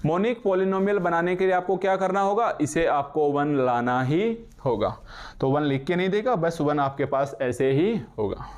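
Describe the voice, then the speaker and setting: A man teaching maths in a classroom lecture, dictating definitions slowly and quizzing his students. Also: a little high. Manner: explains in Hindi with English terms, slow dictation, asks students questions.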